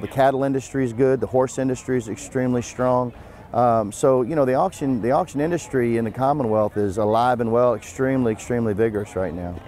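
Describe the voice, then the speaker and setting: An American man in his fifties speaks informatively in measured, halting phrases. His voice is warm and mellow at a middle pitch, on a lapel mic outside a tent. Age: 50s. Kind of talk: informative interview.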